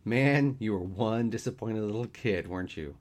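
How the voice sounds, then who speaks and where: A man voicing a brash, crude young man who reacts loudly and with disbelief. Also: fairly low pitch, normal speed, voice pushed up, close to an everyday voice. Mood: incredulous.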